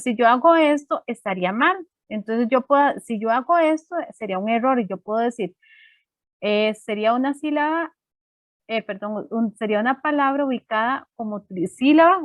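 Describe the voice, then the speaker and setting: A woman's voice: fairly high pitch, no room sound. A woman teacher giving a lesson on a video call, explaining step by step with frequent fillers. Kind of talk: online class lesson. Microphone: computer microphone on a video call.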